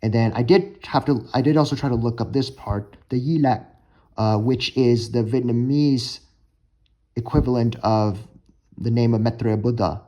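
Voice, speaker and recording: A man vlogging about learning languages, explaining words in a tentative, thinking-aloud way and slowing down to sound out foreign terms. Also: medium pitch, mellow, dull audio. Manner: musing and tentative, many ums and hedges.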